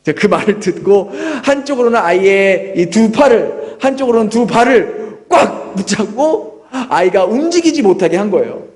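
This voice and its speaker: A man's voice: high-pitched, animated, normal speed, few pauses, a little mellow. A man in his thirties preaching a sermon as pastor, telling a family story with earnest rhetorical questions. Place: church sanctuary.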